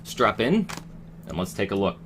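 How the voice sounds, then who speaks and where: American guy doing game review voiceover, deep voice, really animated, bit wry, slight noise. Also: normal speed. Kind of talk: scripted retro game review narration.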